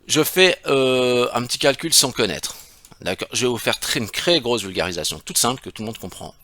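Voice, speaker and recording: Speaking a little fast with lively intonation, this e-commerce consultant has a medium-pitched voice and a sharp tone, recorded with no room sound. His screen-share tutorial is casual and emphatic, and he keeps posing rhetorical questions to viewers.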